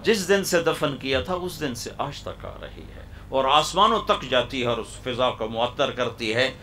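A male preacher telling a story in a sermon at a university hall, dramatic, swinging between loud cries and hushed tones. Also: mid-range voice, big pitch swings, slight background noise.

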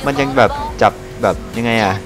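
A man giving casual gameplay commentary, excitable, laughing often and swearing casually as he plays. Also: medium pitch, a little fast. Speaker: gameplay streamer. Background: game music and engine noise.

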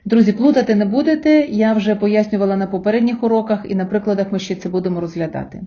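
A woman teacher giving a recorded language lesson, explaining slowly and patiently and pausing so learners can repeat after her. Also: mid-range voice, warm tone, dull audio. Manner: slow, patient explaining with pauses for repetition. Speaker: Spanish teacher.

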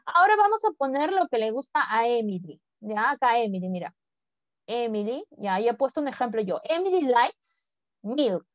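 A woman's voice: on the high side, animated, brisk, no echo, highs cut off. Patient woman teacher coaxing young pupils. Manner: patient, coaxing, mixes Spanish and English, drills pronunciation. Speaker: English teacher. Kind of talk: online primary class lesson.

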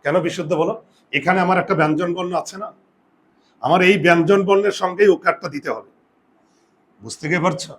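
A man teaching a Bengali grammar class, explaining step by step and asking students whether they follow. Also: high voice. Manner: drawn-out, emphatic pronunciation of example words. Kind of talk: classroom lesson.

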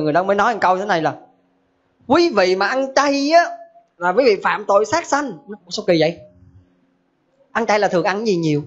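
A woman giving a humorous Buddhist dharma talk in a folksy manner, full of rhetorical questions. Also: medium pitch. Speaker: Buddhist teacher. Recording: dull lo-fi recording.

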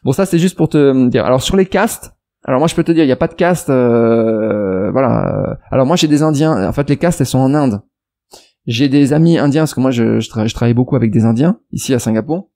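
Mid-range and mellow, a little on the fast side: that's how this French investment YouTuber sounds in his video response to a viewer. He talks right to the commenter, pressing his argument through a rambling flow of restarts and fillers.

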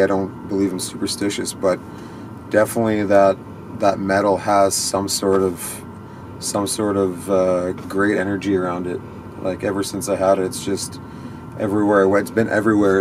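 Against a noisy backdrop, a ski racer in his thirties speaks with a voice that sits low. Sitting in a small parked vehicle at night for a casual interview, he answers earnestly, wandering off track and starting over many times.

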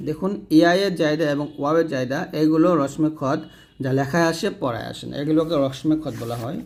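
A man teaching the rules of Quran recitation step by step, speaking to viewers and slowly drawing out the example words. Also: fairly high pitch, a little mellow. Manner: addresses viewers directly, pointing at the page. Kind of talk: tajweed lesson, explaining rules.

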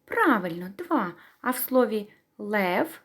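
A woman teaching young children to read, talking in a gentle, slow, sing-song way and breaking words into syllables. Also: medium pitch, big pitch swings. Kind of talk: children's literacy lesson with a told tale. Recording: echoey room.

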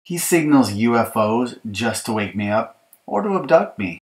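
In a sing-song, mid-range voice at normal speed, a man performs his children's audiobook as an exasperated girl. She dramatically and emphatically complains about her bratty little brother, mock-aggrieved throughout.

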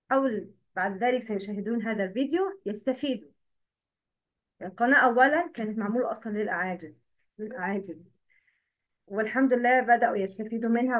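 A woman with an Egyptian Arabic accent teaching a livestream lesson, explaining step by step and repeating terms slowly. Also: medium pitch, lo-fi sound.

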